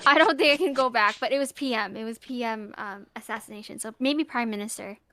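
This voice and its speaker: A woman's voice: fairly high pitch, a little fast, sharp tone. A woman streamer playing a visual novel, chatting playfully, joking and reading the game lines aloud. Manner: playful, giggly, jokes about herself.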